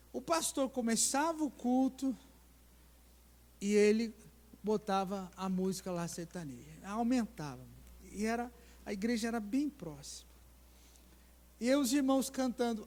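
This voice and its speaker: High-voiced preacher in an echoing church. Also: male voice. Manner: animated storytelling with acted voices and questions to the congregation. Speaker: pastor. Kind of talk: sermon. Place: church sanctuary. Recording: long church-hall reverb.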